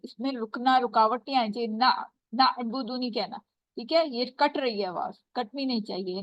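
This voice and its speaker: A woman teaching an online Quran recitation class over a video call, calling on students and modelling recitation slowly. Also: sits high, dry recording. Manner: patient, calls on students, models slow recitation. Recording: dull video call audio.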